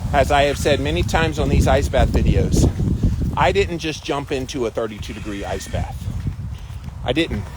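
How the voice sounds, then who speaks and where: A man's voice: medium pitch, background noise. A man hosting a casual livestream, explaining and coaching in an emphatic way, drawing out key words. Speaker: livestream host.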